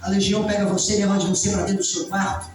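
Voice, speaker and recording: A male preacher delivering a fervent sermon that builds up to shouting. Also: high-pitched, level tone, racing. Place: church hall. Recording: very echoey, distant mic, faint music.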